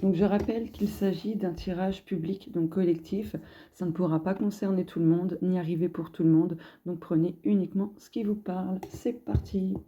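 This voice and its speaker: Woman, card reader, casual guidance talk, somewhat low voice, deeply warm and mellow tone, hesitant with lots of fillers. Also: steady tone, normal speed. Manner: hesitant, with many filler sounds; chatty and upbeat, thinking aloud. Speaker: card reader giving a collective astrology guidance. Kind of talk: casual spoken card reading.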